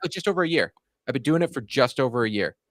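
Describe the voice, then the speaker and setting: A man's voice: medium pitch, animated, fast talker, a bit bright, dry recording, studio quality. A man in his forties from Canada, chatting casually about his hockey channel with plenty of fillers and restarts. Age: 40s. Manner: chatty, rambling, lots of fillers. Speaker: hockey YouTuber guest. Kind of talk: casual podcast chat.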